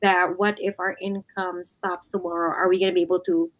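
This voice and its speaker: A woman's voice: lowish voice, little pitch movement, brisk, highs cut off. Chatty Filipino-born woman host. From Philippines. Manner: chatty, filler-heavy, easygoing. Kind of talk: casual webinar-style talk show.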